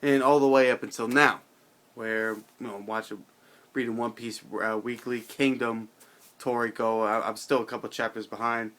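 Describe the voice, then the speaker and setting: A tipsy, tired man rambling casually to his channel's viewers, halting, repeating himself and swearing in loose slang. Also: medium pitch, little pitch movement, a bit bright. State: drunk, somewhat intoxicated and tired. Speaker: video channel host. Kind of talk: casual rambling vlog monologue.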